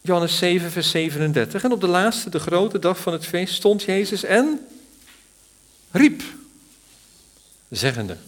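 A man's voice: high-pitched, expressive, normal speed, few pauses. A man teaching from the Bible in a sermon, thoughtful and searching for words, rising to stress key words.

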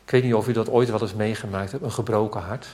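A man's voice: on the low side, steady tone, fast, dark tone. A man preaching a sermon, earnest and pleading, building to emphatic calls.

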